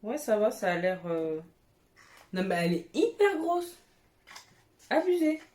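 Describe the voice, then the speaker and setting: A woman's voice: mid-range voice, big pitch swings, measured pace, a little mellow. Gushing woman chatting in an echoey room. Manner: chatty, gushing exclamations and casual swearing. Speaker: beauty vlogger. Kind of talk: casual haul chat. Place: at home, with her cat nearby. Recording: echoey room with faint noise.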